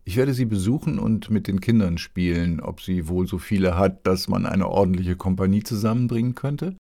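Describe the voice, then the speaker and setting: A man reading an audiobook, voicing a cheerful, curious little boy lord with a bright, eager way of talking. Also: low voice, normal speed, creaky. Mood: friendly, curious. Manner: bright, curious, excited questions.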